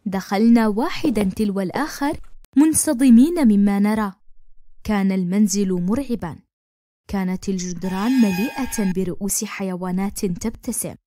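A woman reading a first-person suspense story aloud, steady and clear. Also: mid-range voice, moderate pace. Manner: steady storytelling with spoken dialogue. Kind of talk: scripted narration.

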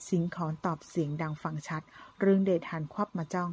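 A woman narrating a drama story in a steady, storytelling way. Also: fairly low pitch, brisk, slight background noise.

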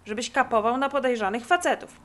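A woman voicing a lazy, dreamy boy who talks slowly and sleepily. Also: on the high side, expressive, a bit bright. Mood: sleepy drawl.

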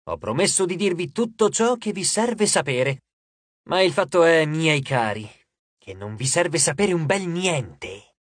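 A man's voice: very animated, unhurried, dry recording. A man voicing a mocking, grotesque male sea god who taunts his captives in an audiobook. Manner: taunting, theatrical, booming.

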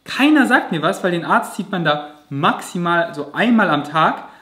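A man's voice: sits high, lively intonation, normal speed, bright, forceful tone. A man vlogging, telling a personal story to camera in a vivid, emotional way with casual swearing. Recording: roomy echo.

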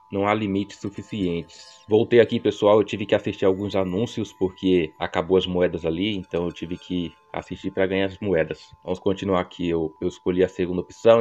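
A man's voice: low-pitched, darkish tone, muffled recording. A man in his twenties from Brazil with a São Paulo accent, reading a story game aloud and making casual, slangy asides to viewers. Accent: São Paulo Portuguese. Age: 20s. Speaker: gameplay narrator.

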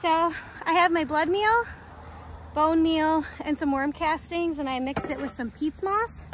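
A woman with a high voice talks through a casual vlog while working in her garden. She explains as she goes and sounds a little out of breath. Faint outdoor ambience runs beneath her voice. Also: a little slow, slight background noise. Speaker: homesteading vlogger.

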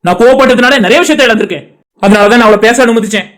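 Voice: medium pitch, rapid-fire, a bit bright, close to an everyday voice. A voice actor playing a stern, short-tempered elder brother and husband in a cartoon drama, commanding and scolding. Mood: firm.

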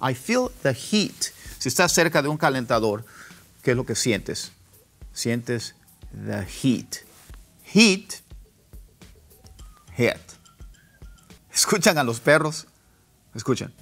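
A man teaching an online pronunciation lesson, repeating words slowly for drill. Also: mid-range voice, lively intonation, gravelly, a bit bright, faint music behind. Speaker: English teacher.

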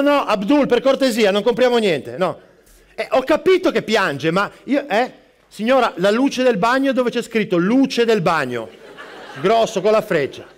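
Male comic as an overwhelmed, foul-mouthed barista; high-ish voice, rapid-fire live stage delivery. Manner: rapid-fire, juggling customers and calls, snapping asides. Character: frazzled middle-aged male barista, harried and foul-mouthed. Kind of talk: live stand-up character sketch.

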